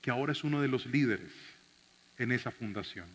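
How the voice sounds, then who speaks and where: A man, a pastor, preaching a sermon and telling a personal story in an animated way, shifting from shouting to soft speech. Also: medium pitch, brisk, long reverb tail.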